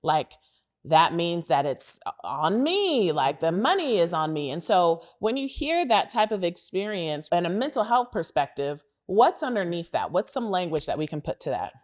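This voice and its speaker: A woman's voice: on the low side, very animated, moderate pace. A woman hosting a podcast interview, asking open questions and affirming her guest. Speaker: podcast host.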